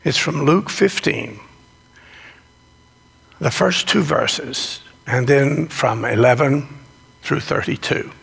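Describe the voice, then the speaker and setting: A man preaching as a pastor in a strangled, choked-up, congested voice, hoarse from a sinus infection, with a deliberate, folksy delivery. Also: mid-range voice, a bit bright. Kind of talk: sermon, children's talk and scripture reading. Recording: long echo of a large hall.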